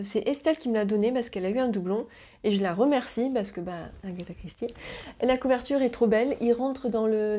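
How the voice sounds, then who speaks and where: A woman's voice: fairly high pitch, mellow. A woman vlogger chatting casually about her month's reading, hesitant and full of fillers. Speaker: book vlogger.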